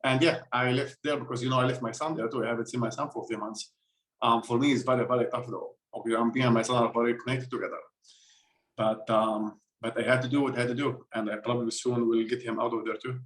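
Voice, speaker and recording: A man's voice: mid-range voice, steady tone, quick pace. A man from Israel, a guest on a podcast interview, speaking emphatically and often repeating words as he searches for them. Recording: roomy echo.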